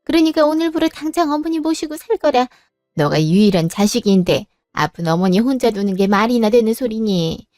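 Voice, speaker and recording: Brisk older mother-in-law, a woman playing her; smooth, fairly high voice, firm but caring. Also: expressive, darkish tone, no room sound, clean studio sound, faint music behind, lightly acted. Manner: firm, scolding yet reassuring.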